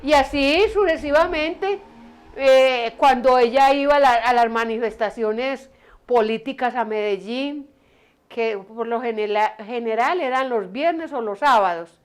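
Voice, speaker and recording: Storyteller: older woman, Antioquian accent, rambling and amused, smooth tone. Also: on the high side, a little slow. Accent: Antioquian Colombian Spanish. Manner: meandering, frequent restarts, amused. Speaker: storyteller recalling her mother. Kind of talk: casual oral storytelling.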